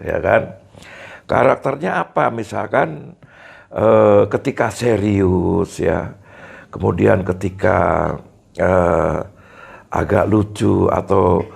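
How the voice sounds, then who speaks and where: Gravelly, husky male speaking coach. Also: low voice. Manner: slow, deliberate, demonstrates rhythm and emphasis aloud. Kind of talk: instructional talk to an audience.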